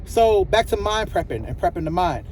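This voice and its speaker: A man's voice: high voice, big pitch swings, normal speed, a little mellow. A man with a lisp giving a casual motivational vlog talk, loose and colloquial, repeating phrases for emphasis. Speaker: vlogger. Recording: clear vehicle and outdoor noise.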